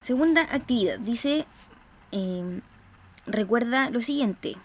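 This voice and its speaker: A woman teacher with a Chilean accent giving a recorded grammar lesson, slowly stressing syllables and often checking in with her students. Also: a little high, expressive, breathy edge. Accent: Chilean Spanish. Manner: slow, emphatic stressing of syllables, frequent "¿cierto?" checks.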